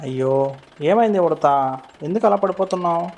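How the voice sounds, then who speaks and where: A man's voice: high voice, expressive, a little fast, darkish tone, a little hiss or hum. Man playing a patient jeep-driving uncle. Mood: calm. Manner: patient, reassuring. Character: kindly adult jeep driver uncle. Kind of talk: cartoon voice acting.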